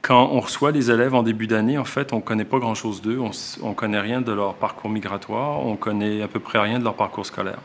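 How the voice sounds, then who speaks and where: In a documentary interview, an elementary school teacher with a Québécois accent reflects and explains, frequently restarting sentences mid-thought. He speaks briskly in a lowish, steady voice with hardly any pauses, and slight background noise is audible.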